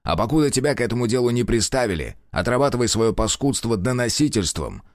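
A man's voice: medium pitch, big pitch swings, fast talker, no room sound, studio quality, voice pushed up, close to an everyday voice. A man voicing a brusque senior police detective who barks curt orders and mocks in an audiobook. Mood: scornful. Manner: curt, barking, mocking.

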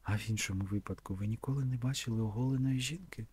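Flirtatious, teasing woman, husky and close, read by a man. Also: lowish voice, fast, a little mellow, no echo. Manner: coy, teasing, sometimes whispered.

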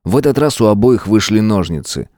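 A man giving steady, measured dramatic audiobook narration. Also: lowish voice, dry recording, studio quality.

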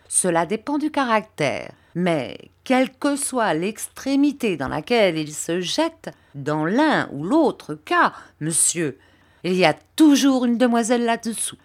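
A woman's voice: lowish voice, animated, a little slow. A woman reading a fussy, nosy, motherly landlady in an audiobook, sentimental and insistent, repeating herself. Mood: coaxing.

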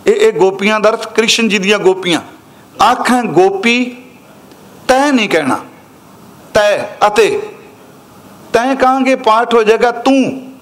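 A man with a high-pitched voice delivers a sermon of scripture commentary. He chants the quoted verses slowly and stretches them out, then moves into quicker explaining speech. He speaks straight to his congregation throughout. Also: fairly bright tone. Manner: addresses listeners directly as an audience. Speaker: Sikh preacher giving scripture commentary. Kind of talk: katha sermon expounding scripture.

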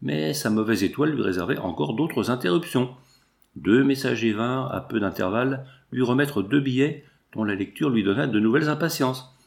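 A man narrating a classic novel in a measured, even storytelling manner. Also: mid-range voice, creaky. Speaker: audiobook narrator.

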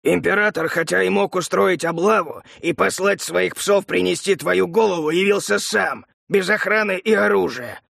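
Brief: man voices a composed, defiant male bandit leader, steady and firm, with some grit in the voice. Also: high voice, moderate pace, creaky, hardly any pauses, no room sound, studio quality, full character voice. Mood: calm. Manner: calm and steady.

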